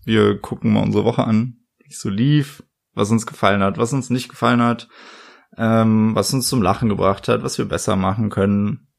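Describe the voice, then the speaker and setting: A young man hosts a casual podcast in a fairly low voice with a gravelly fry. He talks in a relaxed, loose way, leaning on filler sounds and restarting sentences. It feels like chatty weekend talk. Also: moderate pace. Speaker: podcast host. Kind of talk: casual chat.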